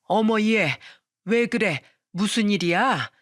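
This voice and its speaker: A woman voicing a fierce older mother-in-law who scolds and shouts. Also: mid-range voice, steady tone, normal speed, smooth, no room sound, studio quality, natural voice. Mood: startled.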